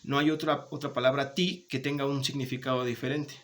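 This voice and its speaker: A man's voice: mid-range voice, little pitch movement, a little fast. A male teacher giving a remote class, explaining patiently, repeating points, checking in often and encouraging his students. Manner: warm, encouraging toward students.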